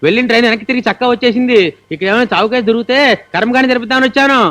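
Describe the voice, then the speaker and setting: An actor playing a cheerful younger brother in a film comedy. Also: male voice, very high-pitched, steady tone, very fast, a bit bright.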